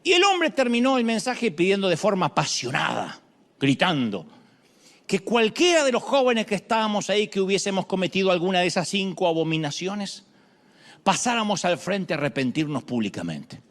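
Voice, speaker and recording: A middle-aged man preaching a sermon, dramatic, moving from shouts to hushed lines, with humorous asides. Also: high-pitched, big pitch swings, normal speed, long reverb tail.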